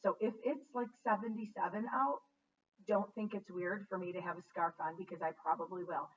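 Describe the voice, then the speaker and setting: A woman's voice: fairly low pitch, steady tone, a little fast. A middle-aged woman who hosts a knitting podcast, chatting casually and rambling as she shows her things, often correcting herself mid-word. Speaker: knitting podcast host and teacher. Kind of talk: casual show-and-tell chat. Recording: distant, dull sound with faint background noise.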